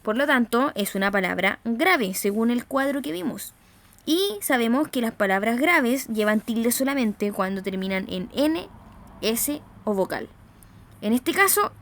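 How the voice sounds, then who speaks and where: A woman teacher with a Chilean accent giving a recorded grammar lesson, slowly stressing syllables and often checking in with her students. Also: on the high side. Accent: Chilean Spanish. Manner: slow, emphatic stressing of syllables, frequent "¿cierto?" checks.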